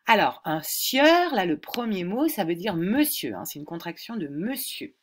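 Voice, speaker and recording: Lively woman teaching tongue twisters. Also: lowish voice, slight background noise. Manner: recites tongue twisters, from slow and deliberate to fast; explains word by word, teacherly. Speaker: host presenting a French tongue twister. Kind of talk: informal pronunciation lesson with tongue-twister recitation.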